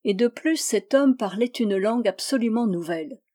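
A woman narrating a novel as an audiobook, with expressive, measured storytelling. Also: a little high. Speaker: audiobook reader.

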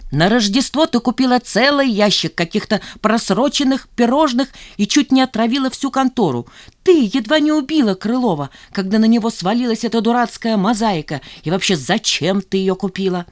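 A woman voicing a sharp-tongued, indignant office woman who scolds her coworkers. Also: mid-range voice, fairly even intonation, brisk, hardly any pauses, natural voice. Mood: scolding indignant. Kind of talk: audiobook character voice.

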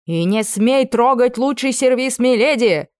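A woman voicing a hot-tempered female cook who scolds loudly. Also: on the low side, normal speed, dry recording, studio quality, natural voice. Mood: scolding.

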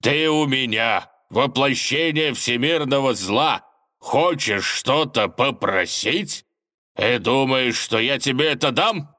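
A man voicing a huge three-headed dragon villain who grumbles slowly in a soft, mild voice. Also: mid-range voice, expressive, pitched above the performer's own voice. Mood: menacing. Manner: slow, drawn-out, grumbling. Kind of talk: storybook character voice.

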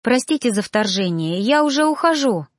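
A woman's voice: on the high side, very animated, normal speed, no room sound. A woman voicing a desperate young apprentice reaper, pleading and close to tears.

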